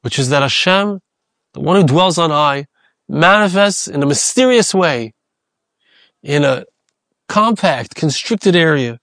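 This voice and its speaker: A man gives a reflective Torah sermon as a rabbi, circling back to repeat his key phrases. His voice sits fairly high. The recording is dry and close. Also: animated, unhurried, long pauses, fairly bright tone, dry recording.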